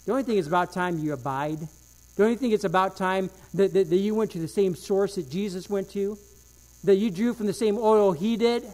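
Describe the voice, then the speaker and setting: A man preaching a sermon with fervent emphasis, repeating key phrases and swinging between loud declarations and hushed asides. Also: high-pitched.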